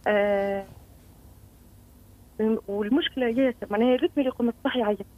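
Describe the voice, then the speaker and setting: A woman in her forties with a Tunisian Arabic accent, calling in and talking quickly with many hesitant restarts. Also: a little high, fairly even intonation. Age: 40s. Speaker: caller. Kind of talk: phone-in call. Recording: tinny phone line.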